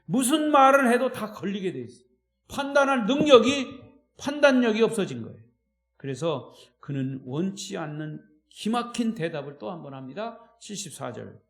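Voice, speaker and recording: A man with a Chungcheong Korean accent, a pastor preaching emphatically and calling on the congregation, shifting between loud and quiet. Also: high-pitched, big pitch swings, normal speed, gravelly. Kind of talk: sermon. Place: church at evening worship.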